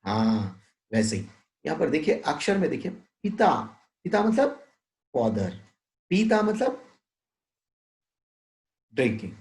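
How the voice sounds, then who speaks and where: A man teaching a recorded Hindi lesson to young children, drawing out each word slowly, glossing meanings in English and calling his pupils "beta". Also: mid-range voice, very animated, darkish tone. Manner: slow, drawn-out word-by-word pronunciation, explaining meanings with English glosses; addresses pupils as "beta", asks frequent checking questions. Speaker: primary school teacher. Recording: echoey room.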